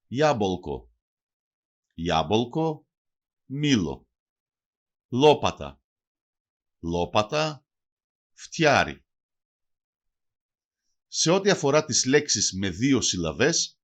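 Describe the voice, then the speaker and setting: A man's voice: fairly low pitch, fairly bright tone, slightly rough. A man giving a scripted language lesson. He speaks carefully and says each example word twice before translating it. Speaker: language teacher.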